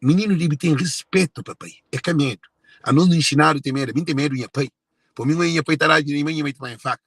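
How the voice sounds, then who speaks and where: Cape verdean guy talking straight to viewers, pretty high voice, keeps repeating himself, dry close sound. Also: fast talker, creaky, fairly bright tone, husky, dry recording. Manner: repetitive, circling back to phrases. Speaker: speaker sharing personal family story. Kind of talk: emotional monologue to viewers.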